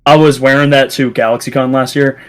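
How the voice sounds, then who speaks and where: A man who is a podcast guest, telling a rambling, animated story in casual chat. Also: mid-range voice, brisk, smooth.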